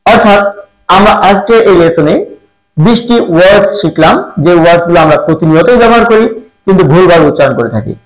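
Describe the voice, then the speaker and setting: Guy teaching how to say english words, repeats each one a bunch, quizzes you, fairly high voice, echoey room. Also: expressive, fast talker. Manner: repeats words in contrasting pronunciations, asks rhetorical questions. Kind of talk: explanatory lesson, drilling word pronunciations.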